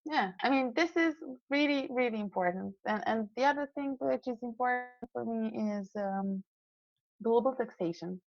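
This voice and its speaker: Young woman guest from Serbia, idealistic, halting with fillers; muffled, dry audio. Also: a little high, vocal fry, no echo, soft background music. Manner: earnest, idealistic, frequent fillers and restarts. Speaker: guest, climate scientist. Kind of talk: casual interview talk.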